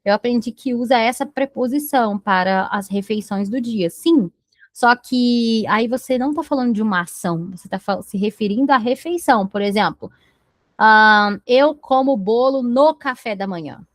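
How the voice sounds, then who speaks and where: A woman's voice: a little high, no room sound, clean studio sound. Brazilian woman teaching English pronunciation. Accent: Brazilian Portuguese. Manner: slow, careful modeling of English pronunciation. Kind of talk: bilingual language lesson.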